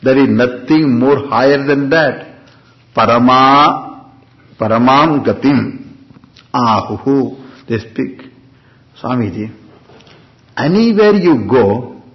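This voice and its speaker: A man's voice: medium pitch, muffled recording. A man with a North Indian accent giving a scriptural discourse as a spiritual teacher, in a didactic way, often asking questions and answering them himself.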